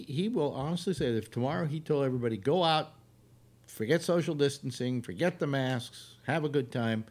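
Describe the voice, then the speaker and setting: A man's voice: medium pitch, darkish tone, slightly rough. An older man hosting a casual panel chat on a video call, opinionated and full of questions. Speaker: host of a live panel show. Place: book-lined room at home.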